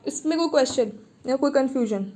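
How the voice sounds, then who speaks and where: A woman teaches an Arabic grammar lesson with a high, soft, mellow voice. She explains patiently, says each word more than once and keeps asking whether her students follow. The talk is steady and clear, with no hurry. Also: quick pace. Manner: patient, repeats words and checks understanding.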